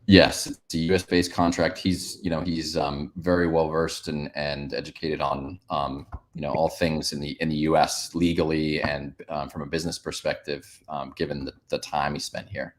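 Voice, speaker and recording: A man's voice: extremely low pitch, flat delivery, moderate pace, few pauses. A man answering on a business panel as a company founder, rambling with many restarts and fillers.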